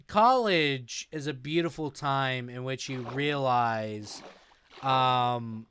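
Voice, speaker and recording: A young man chatting casually on a live stream, reading out chat messages and answering them. He sounds sleep deprived and talks in a slow, drowsy way. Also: mid-range voice, a bit bright, a little hiss or hum.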